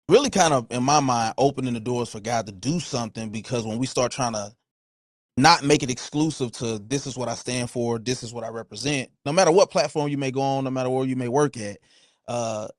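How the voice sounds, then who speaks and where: A man's voice: mid-range voice, no room sound, studio quality. A man, hosting a podcast in casual, playful banter. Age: 30s. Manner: animated, playful banter, slangy. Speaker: podcast host. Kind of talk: casual chat.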